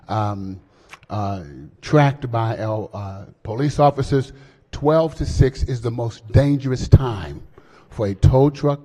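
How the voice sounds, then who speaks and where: A man speaking as senate floor leader, explaining a bill in a halting floor speech with many fillers and restarts. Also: mid-range voice, mellow, breathy edge. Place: legislative chamber. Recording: long hall reverb.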